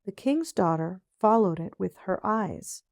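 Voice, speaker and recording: Gentle, unhurried woman reading a fairy tale. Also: medium pitch, expressive, creaky, dry recording, studio quality. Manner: unhurried, measured phrasing. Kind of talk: gentle scripted fairy-tale narration, storybook opening manner.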